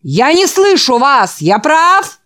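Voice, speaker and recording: Woman doing a frenzied shouting evangelist preacher. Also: on the high side, expressive, unhurried, voice pushed up. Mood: ecstatic. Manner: fervent, shouting call-and-response sermon. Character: frenzied middle-aged male evangelist preacher. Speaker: preacher at a youth revival.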